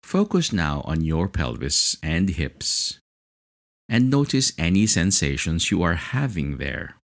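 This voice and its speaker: A man with a very low voice guides a hypnosis relaxation session. He speaks slowly and soothingly, and his pitch rises and falls in a lively way. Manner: slow, soothing, hypnotic delivery.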